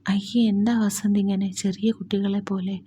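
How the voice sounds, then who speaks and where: A woman whispering the part of a widowed mother who gently teases and soothes, in a whispered role-play. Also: medium pitch, level tone, normal speed, slightly rough, close to an everyday voice.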